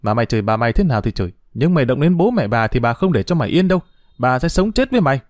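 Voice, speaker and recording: A man voicing a brash young daughter-in-law in an audio story, sneering in quick, sharp bursts. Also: mid-range voice, animated, no echo, clean studio sound, lightly acted. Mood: spiteful.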